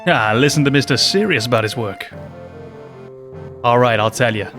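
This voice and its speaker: A man's voice: mid-range voice, normal speed, music in the background, natural voice. Man reading a bossy rebel leader. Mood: commanding. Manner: brusque, commanding.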